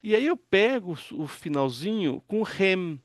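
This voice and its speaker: A pastor teaching an online Hebrew class, patiently walking students through word forms and asking them to read aloud. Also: male voice, high-pitched, sing-song, a little slow, no room sound, studio quality. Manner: patient, explains step by step, asks students to read.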